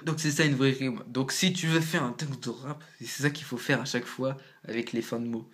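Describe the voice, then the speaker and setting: A man's voice: mid-range voice, steady tone, brisk, a bit bright. A man giving a casual home-made tutorial, explaining rhymes in a slangy, loose way while thinking aloud. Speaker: amateur rapper explaining rhyme.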